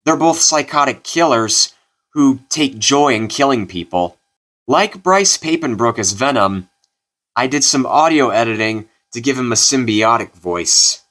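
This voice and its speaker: A man's voice: mid-range voice, expressive, measured pace, fairly bright tone. A man hosting a video, giving casual scripted commentary. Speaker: video host. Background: music.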